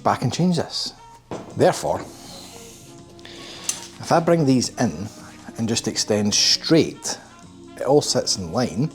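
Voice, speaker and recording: A man's voice: medium pitch, big pitch swings, slow pace, long pauses, soft background music. A man building a kit car in his garage workshop, thinking aloud, muttering and self-deprecating, with a curse under his breath now and then.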